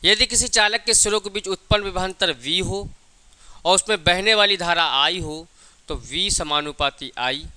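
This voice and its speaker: A male physics teacher lectures at normal speed in a very bright, crisp, fairly high voice. He dictates definitions, repeats key phrases, and answers his own questions.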